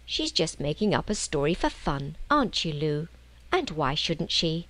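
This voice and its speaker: A woman's voice: low voice, big pitch swings, moderate pace, fairly bright tone, poor audio. A woman voicing a reasonable, teasing older brother in a storybook, good-humoured and a little patronising. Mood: placating.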